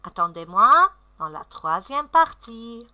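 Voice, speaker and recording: A woman teacher gives a recorded reading lesson to young children, sounding out syllables slowly and clearly in a sing-song way. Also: mid-range voice, very animated, bright, forceful tone. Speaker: primary school teacher.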